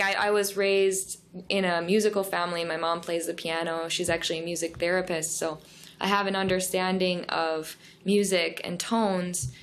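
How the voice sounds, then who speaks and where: A woman guest on a podcast, explaining things in a friendly, chatty way and laughing easily. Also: mid-range voice. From United States. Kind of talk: casual podcast interview.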